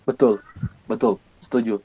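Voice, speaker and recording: A man from Indonesia, an evangelist, telling his personal testimony in an earnest way, with many pauses and repeated phrases. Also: lowish voice, fairly even intonation, dark tone, a little hiss or hum. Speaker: evangelist guest.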